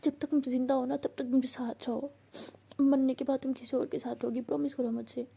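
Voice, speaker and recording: A woman's voice: sits high, flat delivery, fairly quick, creaky, dark tone, slightly rough, full character voice. A woman voicing a sick young woman who pleads and sulks at her girlfriend in a whiny, pouting way. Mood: tearful pleading.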